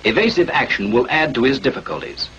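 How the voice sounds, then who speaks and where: An American man with a mid-range, fairly bright voice reads scripted narration for a 1940s military training film. His delivery is brisk, lively, authoritative and instructional. The old soundtrack is muffled and noisy.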